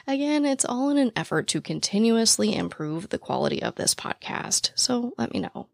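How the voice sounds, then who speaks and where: A young woman with a naturally raspy, gravelly voice, full of vocal fry, rattles along as a podcast host, breathless and fast. She is recorded close and dry on a podcast mic, with no room sound around her. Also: fairly high pitch, sing-song, no room sound. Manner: talks very fast, with laughs and fillers. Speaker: true crime podcast host. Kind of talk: casual chat to listeners. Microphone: podcast mic, standing while recording.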